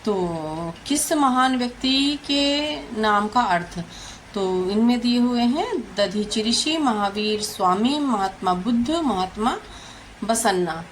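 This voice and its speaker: Woman tutor, fairly high voice, slow and careful, faint noise behind. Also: animated, poor audio. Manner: slow, deliberate, repeats answers with frequent hesitations. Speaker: teacher. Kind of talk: exam question walkthrough lesson.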